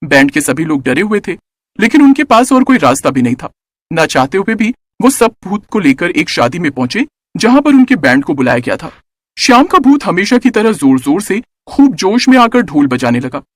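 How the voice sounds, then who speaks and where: Reading a scripted children's story at a moderate pace, a man uses a high voice and very animated, swooping intonation. The sound is close and dry, free of room sound.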